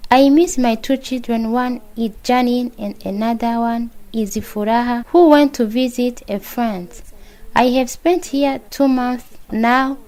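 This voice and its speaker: A woman's voice: fairly high pitch, dark tone. A woman reading a translated testimony as a voice-over, plain and earnest. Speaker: voice-over interpreter.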